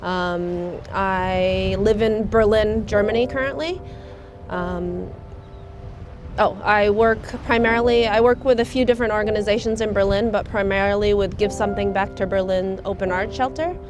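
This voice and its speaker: A young American woman, speaking thoughtfully in a documentary interview, often pausing with "um" as she searches for words. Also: medium pitch, steady tone, over music. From United States. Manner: thoughtful, soft-spoken, many hesitations with um. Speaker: volunteer.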